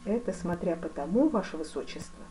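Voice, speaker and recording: A woman voicing a composed, polite fencing master in an audiobook, speaking quietly and with deference. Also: on the low side, expressive, brisk, lightly acted, rough recording. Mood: deferential. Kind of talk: audiobook character reading.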